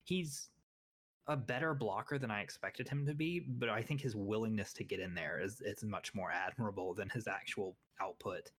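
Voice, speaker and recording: Young male co-host, lower register, casual and opinionated, self-deprecating. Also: normal speed, fairly bright tone. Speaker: podcast co-host. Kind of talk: casual sports chat.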